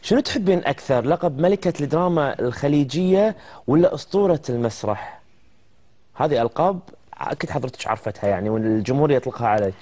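A man hosting a TV interview, asking quick questions and joking with his guest. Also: medium pitch, animated, warm tone. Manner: joking, teasing. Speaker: TV show host. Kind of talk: casual TV interview.

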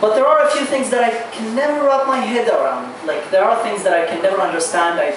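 A young Saudi man with a high voice does a stand-up set at an open mic in a small bar, halting, restarting his lines and leaving drawn-out pauses. He holds a handheld mic, but a distant camera records him, capturing an echoey room with noise.

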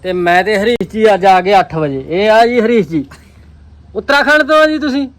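A man's voice: high voice, lively intonation, normal speed, a bit bright. A man with a Punjabi accent vlogging in casual, colloquial banter with his roommates. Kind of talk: casual vlog chat with roommates.

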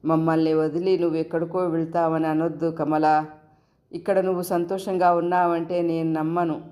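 Affectionate, teasing young woman, put on by a woman narrator for an audiobook novel; low voice lifted a little. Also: level tone, moderate pace, dark tone, natural voice. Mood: fond. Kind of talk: storybook reading.

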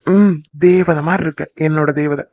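A man's voice: a little high, fairly even intonation, normal speed, darkish tone, no echo, lo-fi sound. A young man voicing a teasing, devoted boyfriend in a cartoon, coaxing and joking. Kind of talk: cartoon voice acting.

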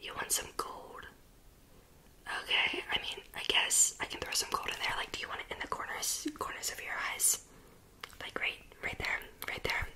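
A young woman in a whispered role-play as a sassy, condescending mean girl, talking close up in a fast, chaotic way and repeating words in rapid strings. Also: low-quality recording. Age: young adult. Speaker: ASMR performer. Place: small room indoors.

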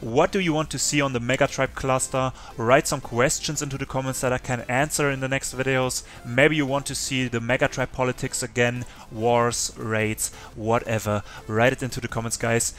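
A man's voice: mid-range voice, flat delivery, moderate pace, hardly any pauses, a bit bright. A man narrating his online survival game clips for his channel in a chatty way, talking to viewers. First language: German. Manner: chatty, talks straight to viewers. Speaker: gaming YouTuber narrating. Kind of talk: casual gameplay narration.

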